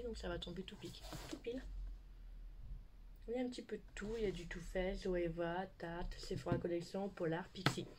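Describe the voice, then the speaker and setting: A woman's voice: mid-range voice, background noise. A woman in her thirties chatting casually as she shows her beauty purchases in a home video. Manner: chatty, showing products to camera. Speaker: beauty YouTuber. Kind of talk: casual haul vlog.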